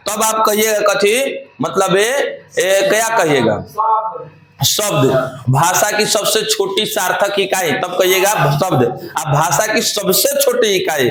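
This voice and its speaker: A high-pitched male teacher, drilling grammar points by repeating each phrase and asking his class if they follow. His voice rings around an echoey room, with students audible in the background. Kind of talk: classroom lecture.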